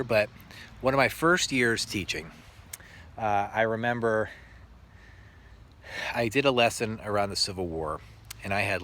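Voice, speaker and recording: A male teacher telling reflective stories about his work in an earnest, halting way with many pauses. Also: fairly low pitch, a bit bright. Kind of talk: reflective storytelling monologue.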